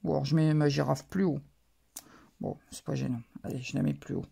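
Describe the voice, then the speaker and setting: A woman's voice: deep voice, steady tone, fairly quick, vocal fry, mellow, breathy edge. A woman narrating a card-making tutorial, describing each step as she works, with many little fillers and hesitations. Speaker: craft channel host.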